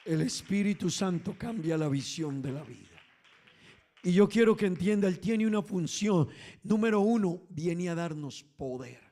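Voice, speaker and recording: A high-pitched man with a Caribbean Spanish accent preaches a Pentecostal sermon. He drops to near-whispers and then climbs into loud, shouted passages. He keeps calling his listeners "brother". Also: expressive, normal speed. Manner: swings from hushed, low talk to loud, shouted preaching; keeps addressing listeners as "hermano".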